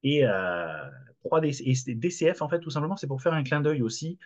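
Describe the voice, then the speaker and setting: A man's voice: a little high, lively intonation, fairly quick. A middle-aged man, a lecturer, introducing his new channel in casual talk, hesitant with many fillers and restarts, recorded over a video call. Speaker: university lecturer launching a channel. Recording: dull lo-fi video call audio.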